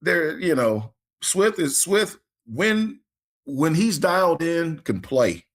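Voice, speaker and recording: A man's voice: fairly high pitch, big pitch swings, slow. A man co-hosting a fantasy football podcast in casual, folksy chat, often repeating words as he starts a thought. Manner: laid-back, folksy, repeats himself when starting a thought. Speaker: podcast co-host.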